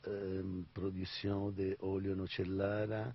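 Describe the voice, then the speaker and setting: A man's voice: deep voice, completely flat delivery, takes it slowly, husky. An older man from Sicily speaking French with an Italian accent, earnestly searching for words as he explains his olive oil. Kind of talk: interview conversation. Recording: dull lo-fi TV recording.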